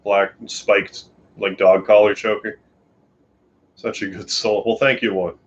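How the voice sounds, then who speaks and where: A man's voice: on the low side, flat delivery, a little slow, lo-fi sound. A tired man from Canada chatting casually and rambling on a late-night live stream from his bedroom. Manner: sleepy, rambling, yawning. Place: home bedroom.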